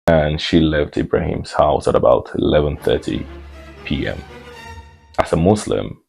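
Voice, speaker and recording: A man telling a story in a laid-back storytime way, dropping joking asides into an eerie retelling. His voice is extremely deep and gravelly. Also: darkish tone, low-quality recording. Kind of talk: casual storytime narration.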